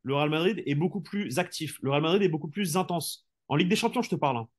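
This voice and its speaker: A man's voice: a little high, lively intonation, quick pace. A man, a sports journalist, arguing his points in a casual football debate with rhetorical flourishes and frequent conversational fillers. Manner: argumentative, rhetorical, fills speech with "tu vois".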